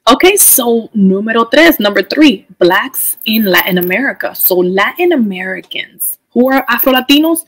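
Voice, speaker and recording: Husky woman teacher from the Dominican Republic. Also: a little high, animated, moderate pace, few pauses, a bit bright, poor audio. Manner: chatty, explaining step by step with questions to the viewer. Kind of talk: educational video presentation.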